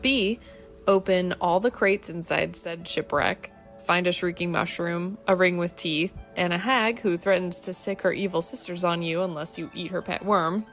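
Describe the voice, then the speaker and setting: A woman with a lowish voice reads a scripted recap as a playful multiple-choice quiz, laying out the options one by one. Faint music plays underneath. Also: moderate pace, fairly bright tone. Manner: mock quiz-show delivery. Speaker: player reading the recap.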